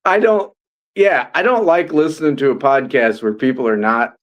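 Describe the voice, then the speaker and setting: Podcast co-host, male, mid-pitched voice, folksy, rambling delivery. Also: normal speed. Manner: rambling, folksy, restarts often. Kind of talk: casual sports podcast chat.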